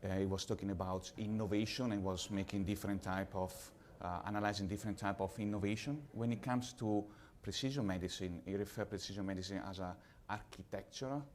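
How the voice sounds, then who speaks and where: A man from Italy with an Italian accent, speaking on a conference panel as a pharma executive, measured and slightly halting in English. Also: on the low side, fairly even intonation, darkish tone, slight background noise.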